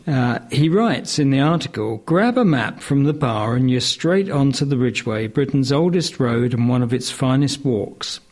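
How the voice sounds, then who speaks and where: A man reading a local news story aloud, hesitant and filling pauses with uh sounds. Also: mid-range voice, lively intonation, a little mellow. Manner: hesitant, many filler sounds. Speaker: news reader.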